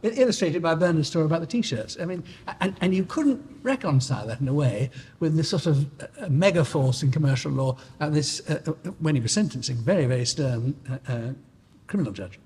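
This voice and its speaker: A man's voice: fairly high pitch, animated, fairly quick, darkish tone, slight background noise. A man giving an anecdotal speech at a dinner event, hesitant and fond, often repeating his words. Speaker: after-dinner speaker. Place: large banquet hall. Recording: long hall reverb.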